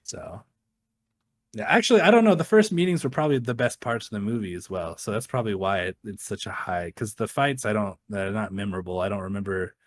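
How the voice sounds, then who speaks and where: A man's voice: fairly low pitch, fairly quick, dry recording. A young man co-hosting a casual chat, rambling and joking with frequent laughs. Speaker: co-host.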